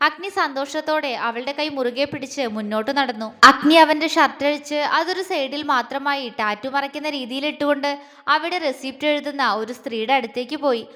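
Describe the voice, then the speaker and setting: Bright high-voiced woman narrating a romance. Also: fairly quick, long reverb tail. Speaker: storyteller. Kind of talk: scripted romance story narration.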